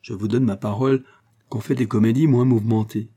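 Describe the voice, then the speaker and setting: A man voicing an excitable young working man in an audiobook. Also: mid-range voice, a little fast, lightly acted. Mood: exuberant. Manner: exuberant, excitable.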